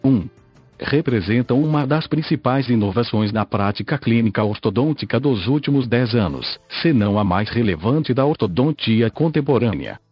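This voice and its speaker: An old speech synthesizer voice of a Brazilian man narrates a scripted podcast. The delivery is stiff and mechanical, with a husky, rough-edged tone. The audio is muffled and lo-fi, with music behind it. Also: medium pitch, animated, moderate pace, no room sound. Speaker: podcast host. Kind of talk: scripted narration, reading an article aloud.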